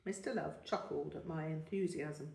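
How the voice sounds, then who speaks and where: A woman's voice: low-pitched, normal speed, creaky, a little mellow. A woman reading a first-person story aloud, reflective and wistful in tone. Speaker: audiobook narrator. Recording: roomy, distant mic.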